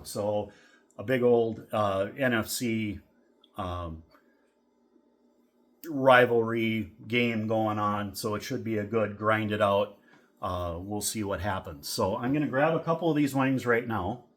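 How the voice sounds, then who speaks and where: A middle-aged man from Minnesota talks through a casual food review. His voice sits a little low. He rambles in an easygoing way and leans on fillers. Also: a bit bright. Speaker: vlogger.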